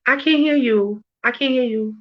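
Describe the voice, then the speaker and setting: A woman's voice: a little high, moderate pace, dull audio. A woman music artist being interviewed over a video call, talking bluntly and emphatically, swearing freely and restarting her words. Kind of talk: candid, emphatic interview talk.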